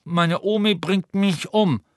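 Stubborn teen boy with a broken nose, high strained voice, slow drawn-out words, audiobook character, close dry sound. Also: no room sound. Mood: glum.

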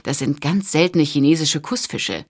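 A woman voicing a proud, joking grown man with a dry, playful delivery, husky and low. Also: moderate pace.

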